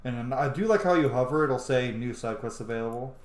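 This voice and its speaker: A let's play host offers casual, opinionated gameplay commentary in a brisk, mid-range male voice. Loud game music and sound play behind him, and the recording has a roomy echo.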